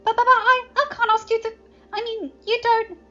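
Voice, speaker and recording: A woman's voice: flat delivery, normal speed, bright, forceful tone. A woman doing a flustered young pony princess. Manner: stammering, high and flustered. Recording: slightly dull lo-fi recording, faint music.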